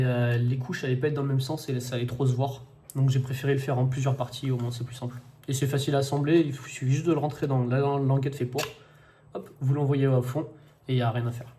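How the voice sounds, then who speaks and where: A man's voice: medium pitch, mellow. A man casually explaining how to put together a printed model, hesitant and full of fillers, new to commenting. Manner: hesitant, many fillers and restarts, first time commenting. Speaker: 3D-printing maker demonstrating an assembly.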